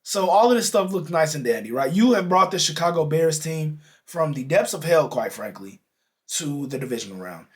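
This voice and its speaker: A young man hosts a sports podcast in a high, excitable voice. He rants with heated exasperation and hammers his points home, and his voice swoops wildly up and down as he works himself up. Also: moderate pace. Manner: heated, exasperated, emphatic ranting. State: losing his voice. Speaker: podcast host. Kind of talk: animated sports reaction rant.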